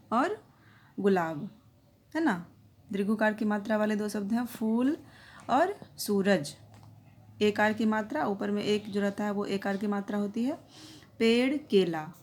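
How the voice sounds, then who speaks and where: A woman's voice: mid-range voice, darkish tone. A young woman teacher explaining a grammar lesson to young children, patiently checking in with tag phrases.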